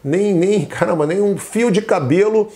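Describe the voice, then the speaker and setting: A man's voice: high voice, normal speed, mellow. A middle-aged man with a Carioca accent, a tax auditor giving casual, emphatic advice to viewers and acting out their imagined questions. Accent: Carioca Brazilian Portuguese. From Rio de Janeiro. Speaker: tax auditor and exam-prep teacher.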